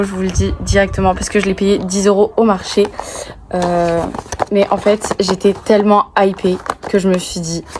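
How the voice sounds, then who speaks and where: A young adult woman chatting casually to camera in a bubbly, gushing way full of slang. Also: mid-range voice. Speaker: vlogger. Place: outdoors near passing cars. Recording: outdoor recording with clear traffic noise.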